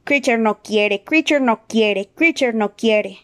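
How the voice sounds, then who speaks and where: A woman voicing a hoarse, stubborn male house-elf in an audiobook, repeating his refusals slowly in a booming voice. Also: a bit bright. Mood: stubborn protest. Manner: chanting refusals slowly and repetitively. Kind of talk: audiobook character voice.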